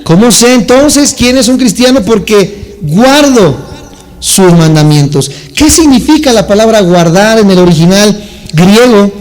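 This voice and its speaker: A man's voice: high voice, animated, unhurried, darkish tone. A man preaching a sermon to his congregation, asking them to follow along, spelling out Greek words and repeating key phrases for emphasis. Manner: addresses the congregation, asks for amens.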